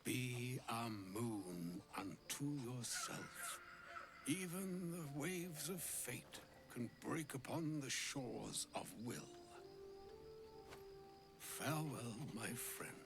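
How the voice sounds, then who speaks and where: An aged fantasy-game wizard with a gravelly, stately delivery. His phrasing is archaic and theatrical, grave as a prophet's charge, and drawn out over a musical score. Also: medium pitch, very animated, very slow, exaggerated voice. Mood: poetic, stately. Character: grave, ornate-tongued old male wizard bearing a divine charge. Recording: music bed under the voice.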